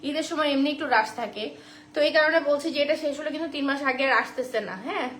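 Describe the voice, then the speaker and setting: A woman's voice: sits high, fast talker, a bit bright. A woman selling skincare products on a live stream, chatty and repeating the prices and offers. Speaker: online shop seller. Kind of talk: live-stream sales pitch. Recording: roomy echo, faint background noise.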